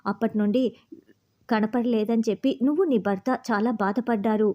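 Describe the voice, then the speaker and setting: A woman's voice: on the high side, fairly even intonation, normal speed, slight background noise, lightly acted. A woman voicing a man disguised as a pompous, solemn holy man. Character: fake holy man, pompous male swami. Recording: slightly dull recording.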